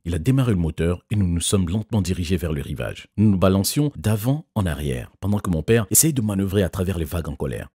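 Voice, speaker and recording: A man doing scripted first-person narration of an animated story. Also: low voice, fast, few pauses, breathy edge, no room sound, studio quality.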